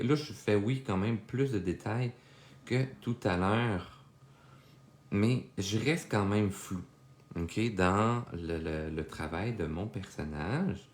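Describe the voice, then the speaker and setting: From a home studio, a young man with a Québécois French accent gives a live drawing lesson, talking casually to his audience with lots of fillers and digressions. His pitch is fairly low, the tone a little mellow, and the recording sounds roomy.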